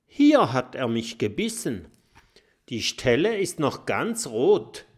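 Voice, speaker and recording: Storybook role: frantic spiny dragon, squeaky, very high and loud, strained odd voice. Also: male voice, big pitch swings, slow, slightly rough, full character voice. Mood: alarmed. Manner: shrill, frantic, stammering. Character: panicky spiny dragon, convinced a vampire bit him.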